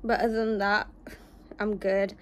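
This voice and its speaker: A woman's voice: mid-range voice, level tone, a little slow. A young woman vlogging while recovering from surgery, talking to viewers with a shaky, pained voice. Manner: chatty, talks to viewers. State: shaky voice, in pain. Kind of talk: casual vlog.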